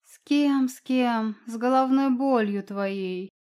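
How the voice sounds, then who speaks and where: A woman's voice: fairly high pitch, fairly even intonation, normal speed, smooth, natural voice. Grumpy bossy familiar tomcat, barking and snide, storybook character voiced by a woman. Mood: gruff.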